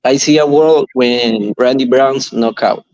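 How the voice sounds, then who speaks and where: A man from Ecuador calling in to a betting show, earnest and halting. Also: mid-range voice, darkish tone, dry recording, dull audio. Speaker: caller. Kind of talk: casual chat.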